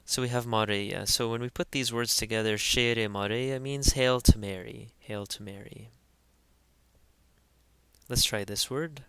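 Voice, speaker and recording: A man teaching pronunciation in an instructional voice-over, carefully spelling out each sound and repeating every word slowly. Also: medium pitch, fairly even intonation, sharp tone, clean tone, dry recording. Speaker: language teacher.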